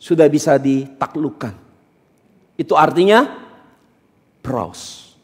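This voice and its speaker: A man's voice: on the high side, animated, takes it slowly, breathy edge, big-room sound. A man preaching a sermon as pastor, questioning and teasing his congregation with emphatic points. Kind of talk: interactive sermon. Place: church hall during a service.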